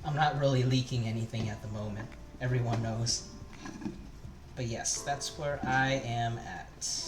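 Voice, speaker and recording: This young man from Taiwan rambles casually while cooking on a live stream in his home kitchen, full of fillers and false starts. He speaks unhurriedly in a mid-range voice with fairly even intonation. The echoey space carries background music, chopping and general noise.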